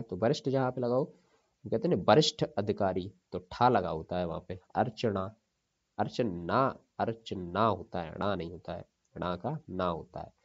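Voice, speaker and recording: A man teaching Hindi spelling for an exam, repeating each word slowly and checking in with his students. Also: on the low side, darkish tone, dull audio.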